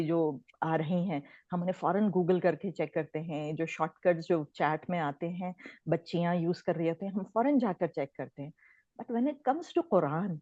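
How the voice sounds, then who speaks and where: Low mellow-voiced woman teaching. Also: no room sound. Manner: conversational, mixes English words into explanations. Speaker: Quran recitation teacher. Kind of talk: informal online lesson. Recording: dull lo-fi sound.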